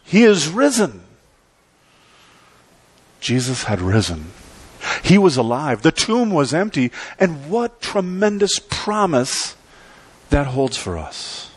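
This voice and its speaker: A middle-aged pastor preaching an animated sermon from a church pulpit, with dramatic pauses and sweeping gestures. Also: male voice, a little high, slightly rough.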